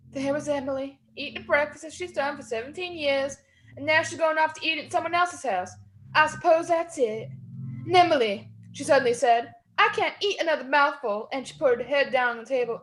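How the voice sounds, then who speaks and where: A woman's voice: high voice, a little fast, slight background noise, close to an everyday voice, poor audio. A girl playing a wistful, tearful mother. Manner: wistful, musing. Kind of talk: amateur play reading.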